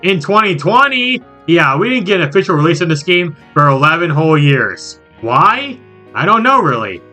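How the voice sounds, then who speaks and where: Over background music, a man with a slightly high, pushed and bright voice narrates a scripted, comedic video review. The channel host, a game reviewer, plays things up in an exaggerated, playful way with jokey asides.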